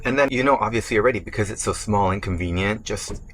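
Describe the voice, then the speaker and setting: At a burger restaurant, a young man vlogs casually to the camera as he eats, chatting between bites and sometimes with his mouth full. His voice is lowish and fairly bright, he talks quickly, and there's a little hiss or hum.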